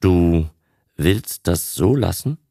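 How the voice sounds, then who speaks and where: A man's voice: low voice, animated, slow, gravelly, mellow, dry recording, clean studio sound, full character voice. A man voicing the probing, reproachful inner voice of an author in a dramatized audiobook.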